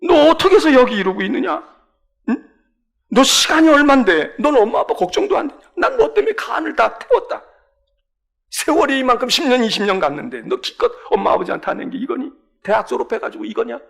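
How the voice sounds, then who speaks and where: A reproachful, anxious mother, as a preacher acts her out, firing off nagging questions at her child in a raised, loud voice. The pitch swings widely and the voice has a gravelly edge. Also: very animated, fast, hardly any pauses, full character voice. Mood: scolding. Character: scolding anxious mother, middle-aged woman.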